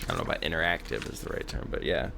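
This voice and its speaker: Deep gravelly-voiced man, laid-back talk. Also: very fast, pushed and bright. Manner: laid-back, reflective, reads the scripture aloud. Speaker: podcast co-host. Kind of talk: casual Bible discussion.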